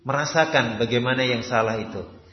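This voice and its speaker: A man's voice: medium pitch, brisk. A man teaching Quran recitation in a mosque lesson, patient and repetitive, often checking with his listeners. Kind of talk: religious study lesson. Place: mosque hall. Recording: echoey, dull mosque hall recording.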